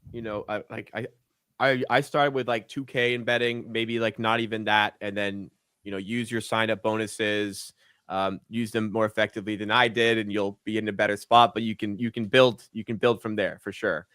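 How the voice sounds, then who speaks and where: A man's voice: on the low side, level tone, moderate pace, fairly bright tone, clear, resonant tone, no echo, studio quality. A man in his twenties hosting a sports betting podcast, easygoing and filler-heavy as he chats and reads listener questions. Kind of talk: casual podcast chat.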